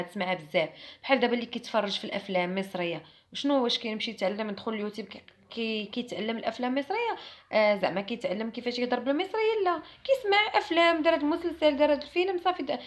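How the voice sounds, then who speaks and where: A young woman with a Moroccan Arabic accent giving a chatty, emphatic French lesson to camera. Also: a little high. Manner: chatty and emphatic, mimics others mockingly. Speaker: French teacher.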